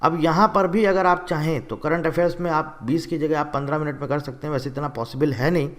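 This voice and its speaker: A young man with a fairly high voice gives an exam strategy lecture to his students. He speaks directly and instructively, like a coaching teacher walking the class through a plan. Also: steady tone, fast talker.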